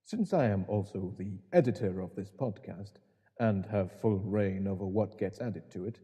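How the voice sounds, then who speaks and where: Dark, husky man in a reverberant room. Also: fairly low pitch, normal speed. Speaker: podcast host and editor. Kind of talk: scripted address to listeners. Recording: long reverb.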